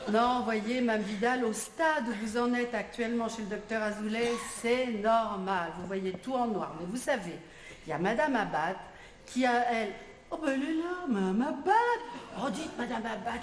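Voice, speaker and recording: A woman's voice: on the high side, moderate pace. A French woman performing a comic stage monologue as a gossipy, bossy café owner chatting with her customers. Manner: gossipy, bossy, talks to unseen customers in turn. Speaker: comedian performing a one-woman stage show. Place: theatre stage with audience. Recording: echoey live theatre recording.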